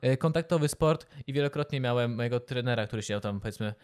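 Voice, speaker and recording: A man's voice: mid-range voice, quick pace, smooth. A man co-hosting a podcast, telling stories in a dry, casual way. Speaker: podcast co-host. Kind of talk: casual banter.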